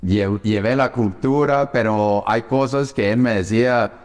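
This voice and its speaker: A man's voice: lowish voice, a little slow, a little mellow, big-room sound. A man, a pastor from the United States, telling his personal testimony in an earnest, emotional way.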